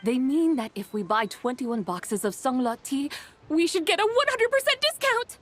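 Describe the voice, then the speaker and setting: A woman with a high-pitched voice plays a calm, dignified scholar in a video game, a character who takes things literally. Her delivery is formal, measured and matter-of-fact, and she sounds assured.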